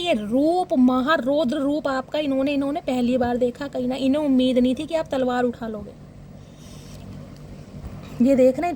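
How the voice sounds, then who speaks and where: A young woman reading tarot cards for her viewers. She talks in a dramatic, animated way and keeps calling them guys. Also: high-pitched, slight background noise. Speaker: tarot reader.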